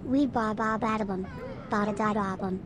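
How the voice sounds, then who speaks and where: A female text-to-speech robot voice reading out viewer alerts in a flat, synthetic way, even when it reads nonsense scat syllables. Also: mid-range voice, moderate pace, noisy background.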